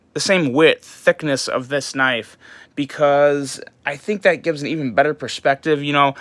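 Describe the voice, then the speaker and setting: Bright, dry-voiced man reviewing a knife. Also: on the high side, no room sound. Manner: enthusiastic, rambling with restarts and fillers. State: early-morning voice, stumbling over words. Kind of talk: casual product review.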